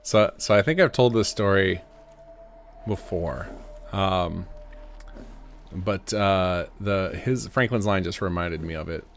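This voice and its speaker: A man's voice: low voice, takes it slowly, long pauses, soft background music. A man giving casual, rambling gameplay commentary as a streamer, thinking aloud. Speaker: game streamer and modder.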